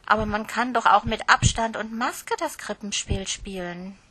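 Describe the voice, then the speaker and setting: A woman voicing an excited little girl who pleads eagerly. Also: mid-range voice, normal speed, breathy edge, voice pushed up.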